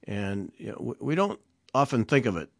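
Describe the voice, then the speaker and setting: A man hosts a casual conversation, speaking in a relaxed and halting way and often restarting his sentences. His voice sits in an ordinary middle range, and the recording is very dry and close. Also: mid-range voice, gravelly, dry recording. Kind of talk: casual interview chat.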